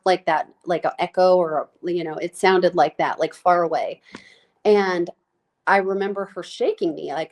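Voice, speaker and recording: A woman telling a deeply personal story as a podcast guest. She talks in a heartfelt, halting way with many fillers and is close to tears, her voice breaking. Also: a little mellow. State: tearful, voice breaking. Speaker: nurse practitioner guest.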